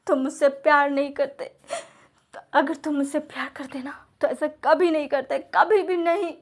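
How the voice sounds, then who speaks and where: A woman voicing a heartbroken young man who accuses loudly while crying. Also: sits high, fairly even intonation, moderate pace. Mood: bitter, crying. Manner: accusing, loud and tearful.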